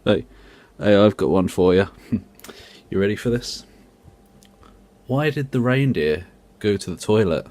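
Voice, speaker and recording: Grumbling and self-deprecating with the odd mild curse, a male video host gives rambling, casual commentary. His voice is on the low side, animated and a little mellow, at a measured pace.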